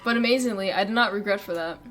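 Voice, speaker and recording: A woman's voice: medium pitch, fast talker, a bit bright, faint music behind. A woman streamer reading a visual novel aloud, laughing and swearing between lines.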